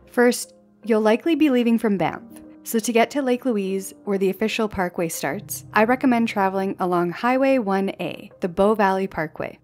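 A woman's voice: mid-range voice, darkish tone. A young woman in a vlog, giving an upbeat, descriptive voice-over as a travel guide. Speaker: travel vlogger. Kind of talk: scripted travel narration. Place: outdoors at a mountain lookout for on-camera parts.

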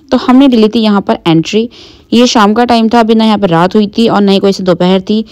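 A young woman with a medium-pitched, clean voice narrates a travel and food vlog, talking her viewers through her outing. Relaxed and chatty, she describes the places and food in an easy, conversational way.

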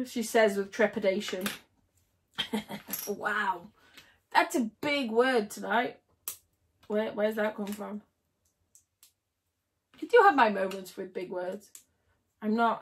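A woman livestreaming casually, chatting and giggling with viewers while she builds. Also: mid-range voice. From United Kingdom.

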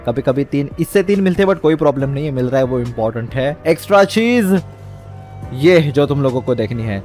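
A man's voice: medium pitch, lively intonation, fairly quick, darkish tone, faint music behind. A young man casually commenting on his gameplay, explaining each step and mixing English words into his talk. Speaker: gaming channel host.

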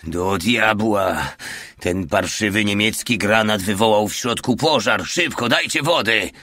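A man's voice: fairly low pitch, a little slow, sharp tone, no room sound, studio quality. A man voicing a bossy, hot-tempered commissar who gives orders. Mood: commanding.

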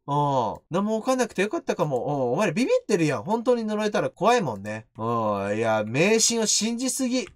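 A man's voice: high-pitched, big pitch swings. A man doing jumpy, teasing commentary on a horror game he is streaming. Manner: jumpy, loud, teasing, quick to shriek. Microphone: studio microphone.

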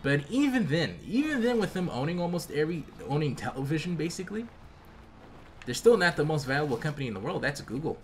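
A young American man giving casual, slangy, animated commentary as he plays a video game. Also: fairly high pitch, quick pace, a little hiss or hum. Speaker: gaming video host. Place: indoor room at home, facecam. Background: game music.

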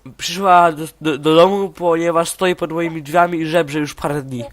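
Teen boy, let's play host, excitable and crude, noisy recording. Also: on the high side, normal speed. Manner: crude teasing, bossy and excitable. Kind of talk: casual gaming banter.

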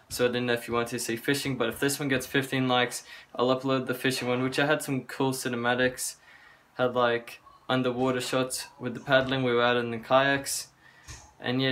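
Young man, fitness vlogger at home, casual chat to camera, medium-pitched with little variation. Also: fairly bright tone. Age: young adult. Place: small carpeted room at home, indoors.

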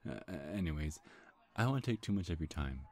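A very deep male voice, a little fast and a little mellow, delivers a full character performance with lively intonation. He's a flirtatious, coy demon seducer in an intimate ASMR roleplay, sly and teasing, stammering hesitantly into a close, dry microphone.

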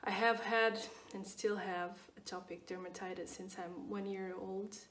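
A twenty-nine-year-old skincare vlogger from Portugal speaks English with a Portuguese accent in a steady, medium-pitched, fairly bright voice, a little slowly. She casually reviews products in her skincare routine, repeating words and using many fillers, and she sounds far from the mic in an echoey room.

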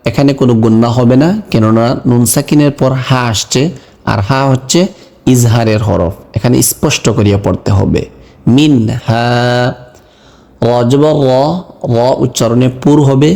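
A man teaching Quran reading in a slow lesson, spelling each word letter by letter and then chanting it. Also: medium pitch, creaky, dark tone. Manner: spells words letter by letter, then recites them in a drawn-out chant. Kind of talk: slow step-by-step recitation lesson.

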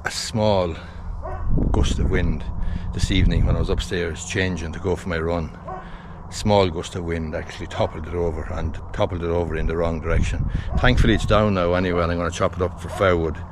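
Outdoors in a garden by his house, an Irish vlogger in his sixties holds his phone at arm's length and tells a rambling, self-correcting story. He speaks briskly in a low-pitched, fairly even voice, and the outdoor phone audio is noisy.

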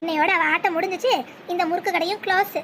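A spiteful old grandmother, voiced by a woman, sneers and scolds in a cartoon, her voice pitched very high. She talks fast and gloats over her family's troubles. Faint hiss sits under the voice. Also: fairly even intonation. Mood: scornful.

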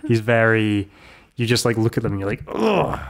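A man's voice: fairly low pitch, little pitch movement, fairly quick. A man hosting a podcast, recapping a film in a rambling, casual way with lots of restarts and asides. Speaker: podcast host.

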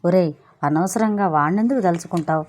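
Brief: dramatic, anxious young man, read by a woman in a storybook, mellow tone. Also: on the low side, a little fast, natural voice. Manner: exclamatory, mixes English words.

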